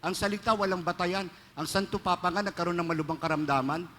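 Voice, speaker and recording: A man's voice: high voice, fast, bright, forceful tone, a little hiss or hum. A man with a Filipino accent, a priest giving a joking, storytelling homily that mixes Filipino and English. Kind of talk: sermon. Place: large church. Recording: reverberant church hall, faint ambience.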